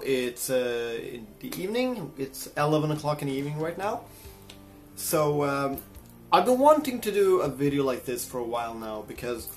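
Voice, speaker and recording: A man from Sweden, telling a personal story in a casual, reflective vlog. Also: a little high. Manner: reflective, chatty. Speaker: vlogger and guitarist.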